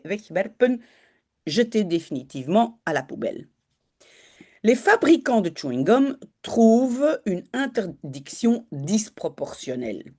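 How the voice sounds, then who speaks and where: A woman's voice: mid-range voice, a little mellow. A woman teaching Dutch, talking learners through a news article in a chatty way, with many fillers and self-corrections.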